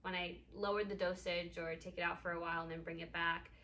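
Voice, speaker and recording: Young woman with a bright voice, full of ums. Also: fairly low pitch, flat delivery, fast talker. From Ecuador. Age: 20s. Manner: hesitant, many ums. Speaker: patient. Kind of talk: casual interview. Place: clinic room.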